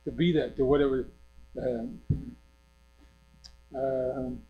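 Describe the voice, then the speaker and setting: A man's voice: mid-range voice, fairly even intonation, takes it slowly, narrow, tinny audio, a little hiss or hum. An older man preaching an informal sermon in a church, rambling in a conversational way and often checking in with his listeners.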